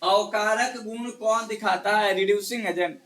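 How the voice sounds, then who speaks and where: A male chemistry teacher in a live class, quizzing students one by one and hushing the noisy ones. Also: sits high, fairly even intonation, normal speed. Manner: quizzes students one by one, scolds and hushes them. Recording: echoey classroom.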